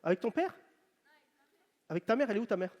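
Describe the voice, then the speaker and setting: High-voiced comedian teasing a crowd. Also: male voice, very animated, fast. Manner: teasing, loud banter with the audience. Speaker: stand-up comedian. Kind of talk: stand-up crowd work. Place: large venue on stage. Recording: live show with long hall reverb.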